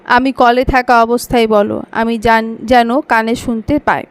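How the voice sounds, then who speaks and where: A woman's voice: on the high side, flat delivery, clean tone. A woman voicing a stubborn, cheeky little boy in a Bengali audio story, talking back petulantly. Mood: grudging. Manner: petulant, quick to talk back.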